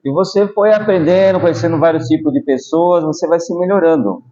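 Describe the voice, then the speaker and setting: Speaking briskly in a fairly high voice, this middle-aged Brazilian man is a taekwondo master being casually interviewed. With a Brazilian Portuguese accent, he's animated, patient in his explanations, and adds small asides; the lo-fi recording sounds a bit dull.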